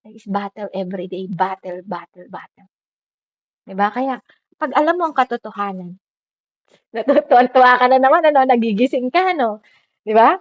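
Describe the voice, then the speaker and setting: A woman preacher with a fairly high voice delivers a lively, chatty sermon and keeps checking in with the congregation. The recording sounds dull and lo-fi. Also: normal speed. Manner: lively, peppers talk with tag questions. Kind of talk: conversational sermon.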